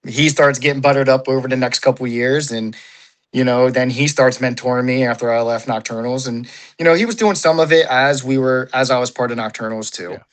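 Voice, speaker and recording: A man's voice: mid-range voice, brisk, poor audio. Rambling man full of "you know". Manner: rambling, heavy on fillers like "you know" and "like", swears freely. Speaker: paintball player, interview guest. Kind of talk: casual interview.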